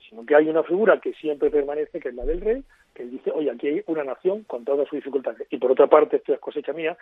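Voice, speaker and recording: A man's voice: fairly high pitch, quick pace, breathy edge, dry recording. A man as a radio guest, explaining at length in an expansive, lecturing way over a phone line.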